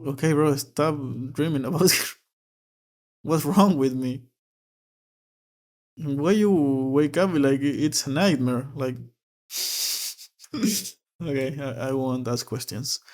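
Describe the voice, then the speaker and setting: A man's voice: medium pitch, slow, a little mellow. A man reading a manga aloud and commenting on it in a casual, hesitant way, often repeating words as he thinks.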